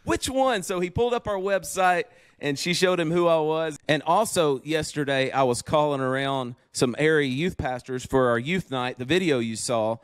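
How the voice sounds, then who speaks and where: A man's voice: a little high, moderate pace, clean tone, no room sound, clean studio sound. A middle-aged man co-hosting a podcast from his office, telling stories with enthusiasm in casual chat. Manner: enthusiastic storyteller. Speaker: podcast co-host. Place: home office.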